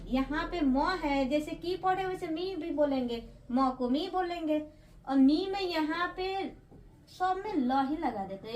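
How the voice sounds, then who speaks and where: A woman with a very high voice teaches young children to read, patiently repeating each syllable and stretching it out. She sounds like she's in a bare, echoing room. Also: a little hiss or hum. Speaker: primary school teacher. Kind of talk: slow spelled-out Hindi phonics lesson.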